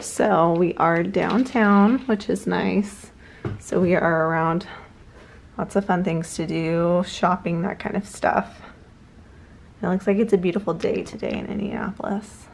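A woman's voice: medium pitch, gravelly, darkish tone, slight background noise. A young woman, chatting casually to a handheld camera as a flight attendant vlogger. She talks in an upbeat way while she packs and moves around. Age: young adult. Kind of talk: casual vlog chat to camera. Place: home kitchen, car, airport and hotel room. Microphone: phone or camera held at arm's length.

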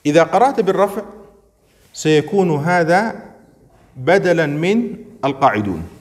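A man's voice: a little high, very animated. Man teaching in an echoing hall. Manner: checks understanding with frequent questions to students; slows down and stresses words when reading out examples. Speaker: grammar teacher. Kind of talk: classroom lesson.

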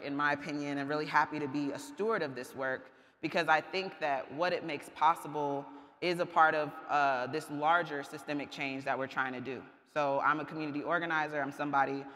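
Man, community organizer, thoughtful panel speaker, bright raised voice, big hall echo. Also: fairly high pitch. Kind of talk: panel talk. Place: large covered market shed. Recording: long reverb in large hall.

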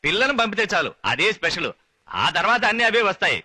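A fussy, teasing older uncle. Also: male voice, sits high, sing-song, fast talker, pushed and bright, no echo, heavily acted. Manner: chiding, teasing banter. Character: genial older man, teasing, fussy host. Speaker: bride's uncle hosting guests. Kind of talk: dubbed film dialogue.

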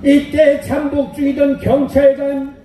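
A man's voice: extremely high pitch, monotone, a little slow, warm tone, faint music behind. A man narrating a live stage play in the old byeonsa manner, declaiming in a sing-song way. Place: outdoor festival stage. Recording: echoey outdoor PA sound from far off.

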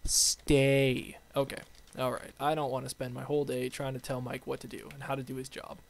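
A young man hosting a game video, chatting in an excitable, rambling way to his viewers. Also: mid-range voice, fast, vocal fry, slight background noise. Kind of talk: playful let's-play commentary.

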